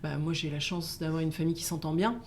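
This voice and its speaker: A middle-aged woman, born in Italy and raised in France, answering interview questions in a halting way with many fillers and restarts. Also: low-pitched, fairly even intonation, a crowd in the background. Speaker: guest. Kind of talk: casual interview.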